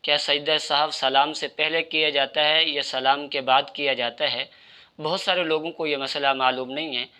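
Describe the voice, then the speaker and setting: A man's voice: fairly high pitch, fairly even intonation, moderate pace, sharp tone, clean tone. A man giving religious instruction in a methodical, explanatory way, addressing his listeners directly. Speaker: Islamic religious teacher.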